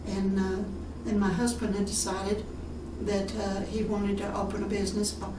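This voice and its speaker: An older woman from Texas, interviewed about her life as a retirement community resident, speaks unhurriedly at normal speed in a flat, medium-pitched voice. Her oral history is full of fillers and restarts, captured through a roomy, distant mic with background noise.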